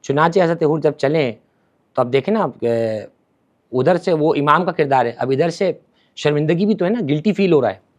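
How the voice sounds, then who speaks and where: A man, a religious scholar, telling a story with feeling in a podcast interview. He swings between forceful and hushed delivery and repeats words for emphasis. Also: a little high, animated.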